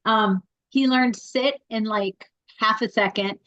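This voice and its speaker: A woman's voice: on the high side, slow pace, a bit bright, muffled recording. A woman who fosters a dog, talking chattily and in detail over a video call. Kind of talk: casual chat.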